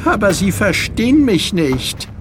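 A man's voice: sits high, sing-song, measured pace, over music, voice pushed up. A man doing a breathless frantic boy. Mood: urgent. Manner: urgent, out of breath.

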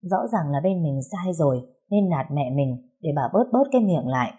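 A woman reading a family drama story aloud as narrator, in a steady, plain delivery. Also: low voice, normal speed, slightly rough.

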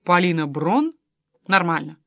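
A woman reading a story, voicing a brash, excitable adult male cousin. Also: medium pitch, normal speed, no room sound, studio quality, lightly acted. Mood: brusque. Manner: blunt, exclamatory, impatient.

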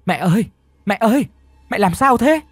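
A man voicing a frightened young man who stammers and shouts. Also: on the high side, lively intonation, moderate pace, pitched above the performer's own voice, close to an everyday voice. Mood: urgent.

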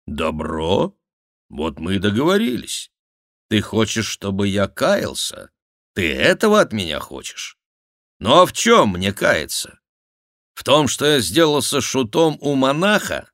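A man reading an audiobook, voicing a cheeky, theatrical court jester with a high mocking voice. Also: huge pitch swings, a little slow, a bit bright, no echo, clean studio sound, exaggerated voice. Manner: mocking, shrill exclamations, mimicking. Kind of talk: audiobook character voice.

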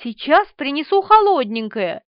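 A woman voicing an excitable, eager young woman in an audiobook. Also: high-pitched, unhurried, dry recording. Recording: dry, slightly dull studio recording.

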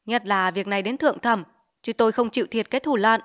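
A woman's voice: a little high, quick pace, fairly bright tone, lightly acted. A woman voicing a hot-tempered male village chief, blustering and giving orders in a storybook reading. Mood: angry.

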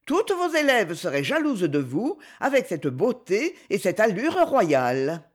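An impulsive, outspoken lady of thirty-five who blurts out whatever she thinks, as a woman narrator voices her. Her lines ride high with animated pitch. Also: a little slow. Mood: teasing. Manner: blunt, impulsive.

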